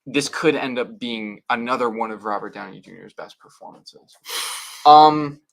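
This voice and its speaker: A man hosting a casual livestream, rambling and halting with many fillers and restarts. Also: lowish voice, gravelly, sharp tone. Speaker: stream host.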